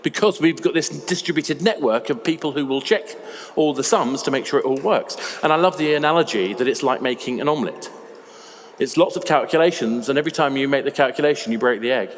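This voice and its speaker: A man with a slightly raspy voice, giving a conversational, emphatic conference talk. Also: mid-range voice, brisk. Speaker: conference speaker. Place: large conference hall. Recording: reverberant hall with faint ambience.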